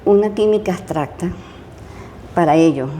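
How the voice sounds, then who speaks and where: Older Venezuelan woman, mellow and hesitant. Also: lowish voice, normal speed, a little hiss or hum. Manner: hesitant, many fillers and restarts. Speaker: retired chemistry professor. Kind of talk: interview, casual recollection.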